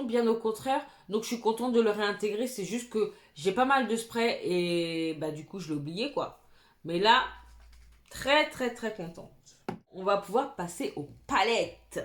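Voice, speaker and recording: Chatty woman in an echoey room. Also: a little high. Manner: chatty, enthusiastic, fills with "voilà". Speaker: beauty youtuber. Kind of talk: casual makeup vlog.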